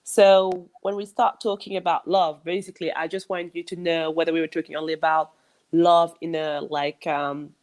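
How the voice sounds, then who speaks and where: Low-voiced woman from Senegal. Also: flat delivery, normal speed, darkish tone. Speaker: panelist. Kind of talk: casual panel discussion. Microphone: video call.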